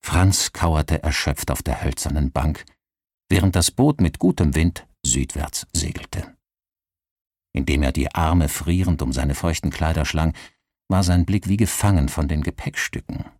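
A man reading a novel aloud as narrator, with an expressive storytelling delivery into a close mic. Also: rumbling low, unhurried, no echo. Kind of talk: scripted audiobook narration.

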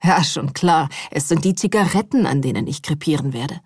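A wry, teasing man behind the wheel, as a woman reads him aloud. His lines come lower than the narration, husky and laid-back. The sound is close and dry. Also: animated, moderate pace, a little mellow, no room sound. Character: grinning, charming male war-zone driver, adult.

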